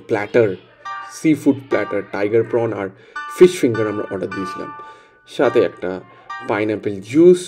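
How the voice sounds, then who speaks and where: A travel vlogger with a mid-range voice chats casually, speaking directly to his viewers from a couch indoors at night. The recording is rough.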